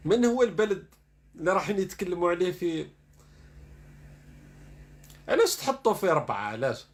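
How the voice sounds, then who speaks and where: A man's voice: high-pitched, big pitch swings, a little fast. A man giving sarcastic online commentary, reading news dispatches aloud and then mocking them.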